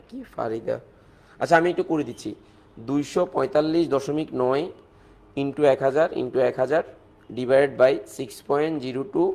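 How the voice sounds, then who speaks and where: Fast-talking Bangladeshi chemistry teacher. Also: male voice, fairly high pitch. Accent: Bangladeshi Bengali. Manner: repeats points, answers viewers' comments, talks through calculations step by step. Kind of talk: live online exam-prep class.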